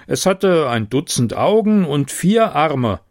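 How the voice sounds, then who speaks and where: A man's voice: a little high, big pitch swings, takes it slowly, a little mellow, no room sound, clean studio sound, voice pushed up. A man doing a creepy-teasing boy. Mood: uneasy. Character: boy Eddie, fond of horror and teasing.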